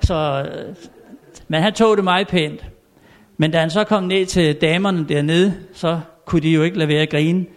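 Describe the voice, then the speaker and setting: An older man telling anecdotes in a chatty way, chuckling often and filling pauses. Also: on the high side, steady tone. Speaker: storyteller. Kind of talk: anecdotal storytelling.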